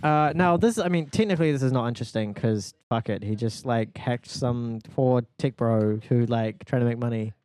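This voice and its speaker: A man's voice: medium pitch, moderate pace, hardly any pauses, a little mellow, no echo. A man co-hosting a casual podcast, rambling and joking, swearing freely. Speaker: podcast co-host. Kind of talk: casual chat.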